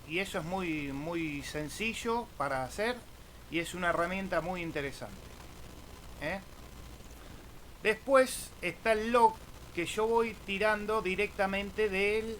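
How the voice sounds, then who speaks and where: In a low-quality recording with clear background noise, an Argentine man speaks in a high, a bit bright voice. He is an amateur radio YouTuber doing an informal screen-share tutorial, frequently tagging his phrases with a questioning "eh?".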